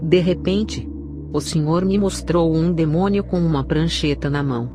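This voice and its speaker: This woman's voice is deep and her speed normal, with background noise present. She has a Brazilian accent and narrates a scripted religious testimony while music plays clearly beneath her.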